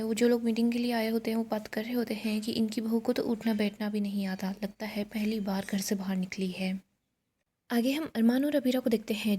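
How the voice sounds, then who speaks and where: A woman's voice: fairly high pitch, mellow, breathy edge. A woman narrating a TV serial episode in storytelling style, reading out each character's lines in her own voice.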